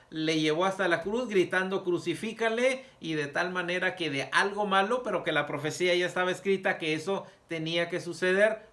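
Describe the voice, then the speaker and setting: A man preaching a Sabbath school lesson, reading scripture aloud with emphatic pauses and asking the congregation rhetorical questions. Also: fairly high pitch, bright, forceful tone. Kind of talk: sermon.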